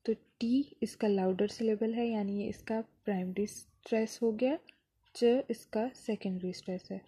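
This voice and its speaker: A woman's voice: medium pitch, warm tone, husky. A woman teaching an English lesson, explaining patiently and sounding out words syllable by syllable.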